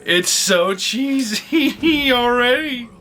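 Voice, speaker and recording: This YouTube trailer-reaction host speaks in a very high, bright, forceful voice, animated and stretching out his words. He exclaims and pokes fun in loose, slangy talk while music runs in the background.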